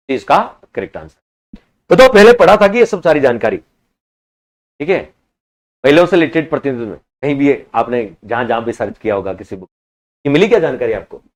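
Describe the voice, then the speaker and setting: At a medium pitch, a man conducts an online exam-prep class, firing questions at students and restating each answer. Occasionally he reprimands them for being slow to respond.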